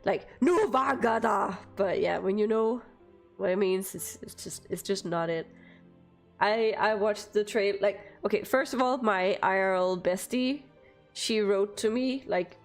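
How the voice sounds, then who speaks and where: A woman from Denmark streaming, chatting casually in an unhurried way, giggling often and swearing here and there. Faint music sits low behind her voice. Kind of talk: casual livestream chat.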